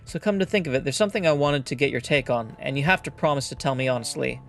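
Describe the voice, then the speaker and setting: A man's voice: mid-range voice, fast talker, gravelly, a bit bright. A man voicing a talkative, mustached male wagon mechanic in a video game, speaking in a hesitant, confiding way. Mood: eager.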